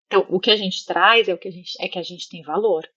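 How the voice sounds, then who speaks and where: Speaking fast in a fairly low, bright, husky voice with a forceful edge, this Brazilian woman appears as an interview guest; she's a psychologist based in Italy. She reflects in a relaxed way, acts out imagined remarks with expression, and makes sure the audience keeps up. The recording sounds muffled.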